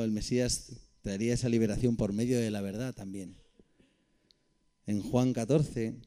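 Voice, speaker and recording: Low, mellow-voiced Spanish preacher. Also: male voice. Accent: Peninsular Spanish. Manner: conversational, reads verses aloud with asides to listeners. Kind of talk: Bible study sermon with scripture reading.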